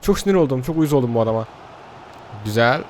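A young man giving excitable, frustrated commentary over his own gameplay, talking to the players on screen. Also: medium pitch, quick pace. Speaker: gaming youtuber.

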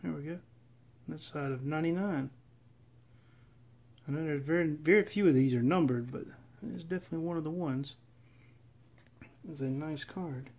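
A man casually narrating as he opens packs of trading cards, reading off names in a steady, relaxed list. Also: fairly high pitch, moderate pace, pauses often, breathy edge. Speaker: card collector opening packs. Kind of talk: casual running commentary. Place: indoors at a table.

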